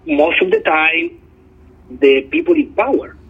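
A man's voice: very high-pitched, wildly swooping pitch, unhurried, vocal fry, breathy edge. A man from Chile, a guest journalist speaking over the phone in an interview, talking earnestly with many hesitant ums. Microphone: telephone. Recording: tinny phone line.

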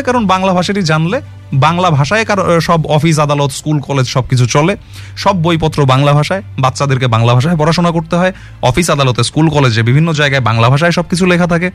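A man with a fairly high voice argues his case in an earnest explanatory talk, his pitch rising and falling a great deal. He keeps asking rhetorical questions and mixes English words into his sentences. Soft music plays faintly under him. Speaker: commentator on language.

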